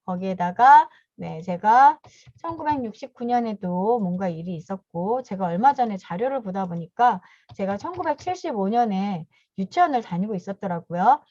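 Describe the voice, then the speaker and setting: A woman in her fifties trains teachers online over a video call, going step by step and politely slipping a quick "yes" between phrases. She has an expressive, mid-range, slightly mellow voice at normal speed. The video call mic's audio is dull and dry, with no room sound.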